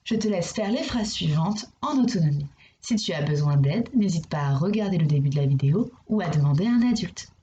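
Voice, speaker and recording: A woman's voice: lowish voice, animated, mellow, highs cut off, a little hiss or hum. A woman with a French accent, a primary school teacher giving a video lesson to young children, speaking patiently and repeating words for emphasis. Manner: slow, patient, addresses the child directly.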